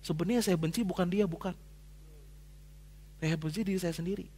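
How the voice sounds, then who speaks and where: A man preaching a sermon as a pastor, telling a personal story in casual slang and swinging from hushed to loud. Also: high-pitched, fairly quick, slight background noise. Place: church hall. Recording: long hall reverb.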